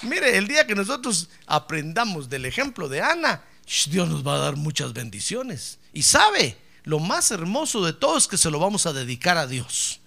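A male pastor preaching a sermon, emphatic and repetitive, swinging from hushed asides to loud cries. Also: fairly high pitch, wildly swooping pitch, normal speed, gravelly, few pauses, some chatter behind.

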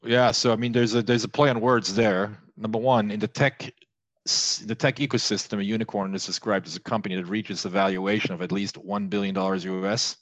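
A man's voice: on the low side, fairly even intonation, fairly quick, dry recording. A middle-aged man from France, a tech entrepreneur talking as a podcast guest, fluent but with many fillers and restarts. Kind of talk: conversational interview.

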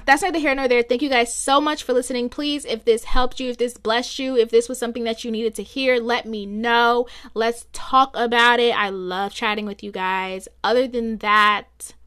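A woman hosts a casual podcast by herself, chatty and reflective, rambling with fillers as she thinks aloud. Her fairly high voice is steady, smooth, a bit bright and a little slow, yet slightly strained from talking so much.

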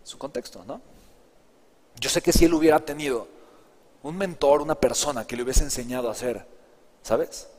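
A man's voice: medium pitch, normal speed, long pauses, darkish tone, big-room sound. A man telling his own story as a business mentor, often checking in with the listener through short tag questions. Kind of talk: motivational personal storytelling.

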